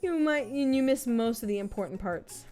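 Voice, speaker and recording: A woman's voice: on the high side, lively intonation, normal speed, darkish tone, soft background music. A woman streamer reading a dating game aloud, playful and joking as she goes.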